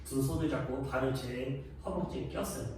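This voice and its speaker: A man's voice: medium pitch, steady tone, moderate pace, a little mellow. A man preaching a sermon as a pastor, telling a family story in an earnest way that rises to emphatic peaks. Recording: echoey church hall, distant mic, faint noise.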